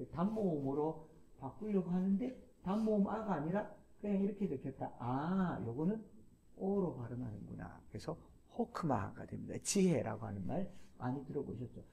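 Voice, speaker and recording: A man lecturing to a class, explaining step by step, repeating key terms and pausing with fillers. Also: a little high, creaky, warm tone, dull audio, a little hiss or hum.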